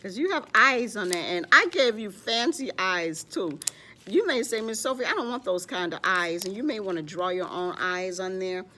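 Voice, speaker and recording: With lively intonation, a moderate pace, and a bright, forceful tone, a woman's mid-range voice leads a children's library storytime. She speaks to young children through stories and crafts, often in the third person about herself, and a little hiss or hum runs underneath.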